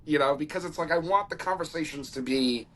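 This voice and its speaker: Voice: medium pitch, brisk, fairly bright tone. A podcast host talking in a laid-back, casual way, full of "you know" and "right".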